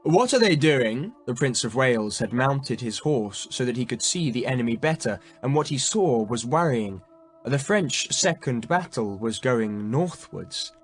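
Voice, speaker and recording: A man narrates a historical battle novel in a measured, dramatic way. His voice sits in a middle pitch, and faint music plays beneath him. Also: husky. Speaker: audiobook narrator. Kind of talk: scripted narration.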